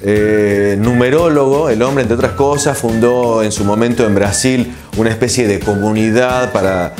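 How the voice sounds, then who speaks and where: A man in his forties with an Argentine accent, answering interview questions in a relaxed, reflective way with frequent filler pauses, on a lapel mic in a small studio. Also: fairly low pitch, music in the background. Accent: Argentine Spanish. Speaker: TV host and producer, interview guest.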